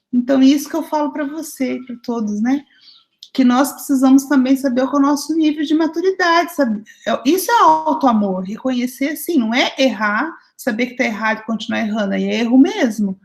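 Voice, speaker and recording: A woman's voice: on the high side, rough recording. A middle-aged woman with a Brazilian Portuguese accent, coordinating a spiritual study group over a video call in a chatty storytelling manner that keeps checking for the group's agreement.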